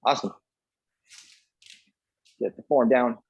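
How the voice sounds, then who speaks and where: A man's voice: medium pitch, slow pace, gravelly, darkish tone, breathy edge, highs cut off. A man coaching a live workout in an echoey indoor room, giving short cues and counting reps as he exercises along. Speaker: fitness coach leading a workout class.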